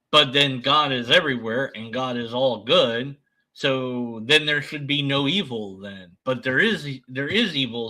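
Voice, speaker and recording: Male commentator, very bright forceful voice, slow emphatic delivery, dry dismissive sarcasm. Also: mid-range voice, rough recording. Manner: sardonic, dismissive. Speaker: commentator debunking another person's video. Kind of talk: unscripted reaction commentary.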